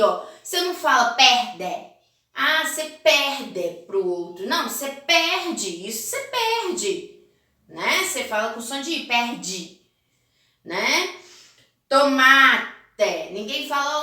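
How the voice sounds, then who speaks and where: A woman teacher with a Brazilian Portuguese accent, speaking slowly and drawing out each example word. Her voice is bright and fairly high. The recording is very echoey, with her voice a bit distant from the mic. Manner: slow, stretched-out word pronunciation. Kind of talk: video lesson correcting phonics homework.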